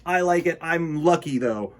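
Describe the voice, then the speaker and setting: In an animated, slightly high voice at normal speed, a man reads a picture book and chatters with young listeners. His storytime hosting is playful, whimsical and rambling.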